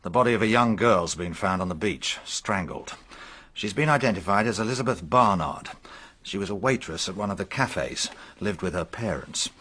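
A matter-of-fact inspector in a radio mystery. The voice is low and husky, and he reports in short, businesslike phrases. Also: expressive, moderate pace, a bit bright, heavily acted. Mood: grim, businesslike. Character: matter-of-fact, busy British police inspector. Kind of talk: radio drama dialogue.

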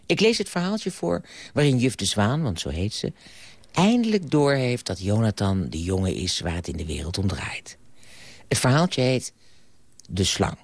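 Animated, husky-voiced man reading aloud. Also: medium pitch, normal speed, no echo. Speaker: radio speaker reading a story aloud. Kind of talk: expressive storytelling and reflection. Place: radio studio.

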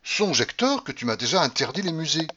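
A man's voice: fairly high pitch, very animated, a little fast, bright, forceful tone, lo-fi sound, slight background noise, pitched above the performer's own voice. A man reading an audiobook, voicing a tender young woman in love with a lifted, lilting delivery. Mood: gently reproachful.

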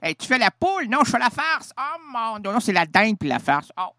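A man's voice: high-pitched, very animated, fairly quick, bright, forceful tone, no room sound, clean studio sound. A man, bantering through an improvised comedy bit, playful and theatrical. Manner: playful, jumps between silly voices and mock-preachy outbursts.

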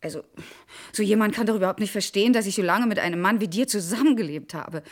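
An actress in a radio play, playing a sharp-tongued wife who answers her husband with sarcasm and defiance. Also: mid-range voice, close to an everyday voice. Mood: cutting. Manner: sarcastic, quick retorts.

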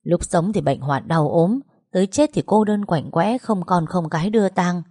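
A woman voicing a blunt older village man who scolds slowly in a storybook reading. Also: lowish voice, mellow, breathy edge, no echo, clean studio sound. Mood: reproachful. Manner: slow, blunt and reproachful.

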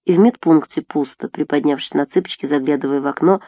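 A woman reading an audiobook in an even, wry first-person storytelling manner. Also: deep voice, quick pace, no room sound. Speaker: audiobook reader. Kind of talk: audiobook narration.

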